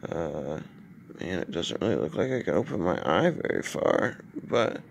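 Groggy, slow-talking young man with gravelly fry. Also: medium pitch, a little hiss or hum. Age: young adult. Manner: slow, halting, drowsy delivery. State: groggy after anesthetic. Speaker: vlogger. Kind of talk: casual video diary. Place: hospital room, lying in bed. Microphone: phone at arm's length.

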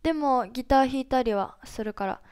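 High-voiced Hiroshima-dialect woman streaming. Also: brisk, darkish tone. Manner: chatty, greets and thanks viewers by name. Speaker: idol livestream host. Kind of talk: casual livestream chat. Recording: echoey room with faint music.

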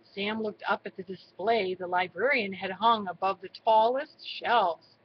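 A woman reading a children's storybook aloud in a slow, expressive way. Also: medium pitch, breathy edge, dull audio. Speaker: storybook reader. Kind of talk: read-aloud narration.

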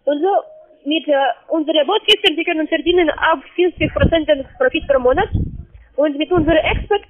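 A female call-center agent with a high voice and a foreign accent delivers a halting, scripted pitch in broken, non-native phrasing. German isn't her first language, and the audio comes over a tinny, narrowband phone line.

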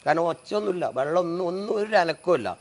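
Man, middle-aged, slightly high voice, heartfelt storytelling, sinks soft and quiet in sad parts. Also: fast talker. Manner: heartfelt, voice dropping low and soft at sad moments. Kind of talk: emotional personal storytelling.

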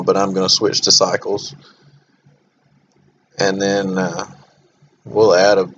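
Low, flat-voiced man explaining software. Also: highs cut off, a little hiss or hum. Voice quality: monotone. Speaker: software tutorial host. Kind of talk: screen-recorded software tutorial.

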